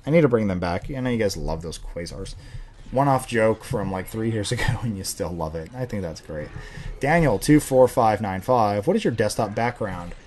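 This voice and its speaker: A man's voice: on the low side, animated, moderate pace, darkish tone, a little hiss or hum. A young man in his twenties hosting a casual Q&A, rambling and swearing freely as he answers viewer questions. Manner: rambling, profane, self-deprecating ranting. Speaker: host of a viewer Q&A show.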